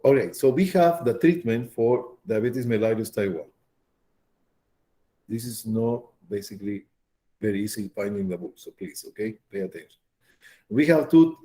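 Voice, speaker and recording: Mellow-voiced man lecturing a class. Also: on the low side. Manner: repetitive, checks in with students often. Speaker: pharmacology lecturer.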